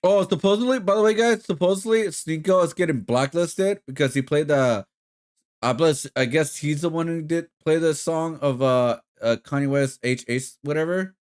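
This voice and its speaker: A man's voice: a little high, normal speed, clean tone. A man live-streaming in casual chat, rambling with lots of fillers and talking to his viewers as guys. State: hiccups.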